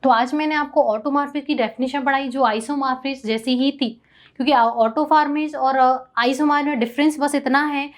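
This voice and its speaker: Woman, young, math teacher, high voice, lecture, question-and-answer delivery. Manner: asks herself questions and answers them.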